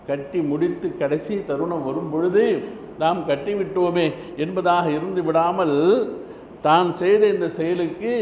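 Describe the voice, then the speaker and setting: A man preaching a Friday sermon in a large mosque hall, in a measured voice with rhythmic lists of phrases. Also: on the high side, darkish tone. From Tamil Nadu, India. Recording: echoey mosque hall, muffled lo-fi with faint hum.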